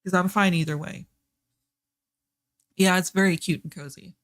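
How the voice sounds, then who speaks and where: Running a reading sprint on stream, a Southern-accented Texan rambles in casual, filler-laden chat. The medium-pitched voice holds a steady tone at a moderate pace and sounds fairly bright, with studio-quality audio, no echo, and a desk microphone in place of the headset.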